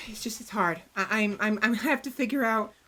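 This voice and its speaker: This VTuber streamer has a fairly high-pitched, soft-spoken voice with vocal fry. Chatting casually during a game livestream, she sounds hesitant and self-reflective, restarting often, and talks into a close desk microphone.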